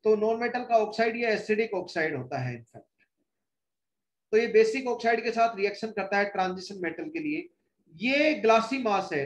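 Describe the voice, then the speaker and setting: High-voiced man teaching chemistry, echoey room. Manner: explains step by step with many rhetorical questions. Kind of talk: classroom lecture in Hinglish.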